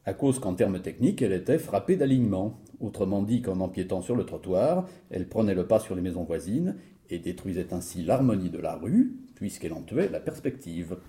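An actor playing an ironic, knowing friend who lectures pedantically on the rules. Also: male voice, deep voice, sing-song, a little fast, warm tone. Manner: pedantic, teasing.

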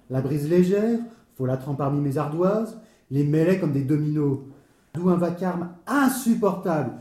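A man's voice: a little high, warm tone, echoey room, close to an everyday voice. A man playing a talkative man who tells a comic misadventure with theatrical, wordy flair and is easily flustered. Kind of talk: stage comedy dialogue.

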